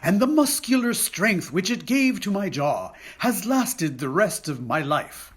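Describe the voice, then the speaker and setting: A man plays an old father from a children's poem, cranky and full of himself. His voice sits fairly high for a man and swings widely in pitch. The delivery is pompous and theatrical. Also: sing-song, measured pace, a bit bright, heavily acted. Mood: boastful. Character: cranky, boastful old father with grey locks. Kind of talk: dramatic children's poetry reading.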